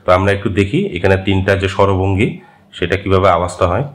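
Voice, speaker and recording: A man with a fairly low voice, a native Marma speaker, teaches a language lesson over a shared screen. He explains patiently and pauses often to hesitate between points. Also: level tone.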